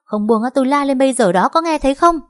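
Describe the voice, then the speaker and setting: A woman's voice: high-pitched, expressive, fast, voice pushed up. A woman voicing a frightened young female servant girl, crying and begging. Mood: shrill.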